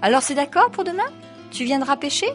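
A cheeky ten-year-old boy, played by a woman reader, chats with quick questions. His voice sits raised and light. It is a storybook reading with faint music behind. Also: high-pitched, expressive, voice pushed up.

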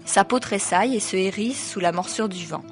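A woman reads a novel aloud at an even, middle pitch. Between chapters she adds hesitant asides full of fillers. Faint music runs underneath. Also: brisk. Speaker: reader.

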